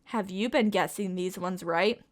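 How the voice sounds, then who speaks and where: Unhurried and medium-pitched, a young woman reads a picture book aloud to children. She uses a sing-song tone and gently coaxes her listeners with questions.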